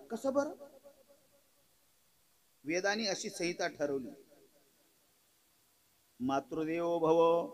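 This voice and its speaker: High, bright-voiced emphatic Marathi preacher. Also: male voice, low-quality recording. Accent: Marathi, rural Maharashtra. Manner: emphatic, rising to loud exclamations, quizzes the audience. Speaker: kirtan preacher. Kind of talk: devotional kirtan sermon with storytelling.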